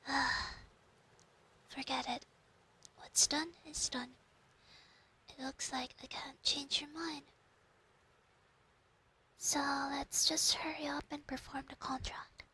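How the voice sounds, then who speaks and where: A woman voicing a clingy, proud female fox spirit familiar in a whispered role-play, breathy and intimate on a close binaural microphone. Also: high voice, fairly even intonation, slow pace, long pauses, bright, forceful tone, exaggerated voice, poor audio. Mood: resigned, brisk.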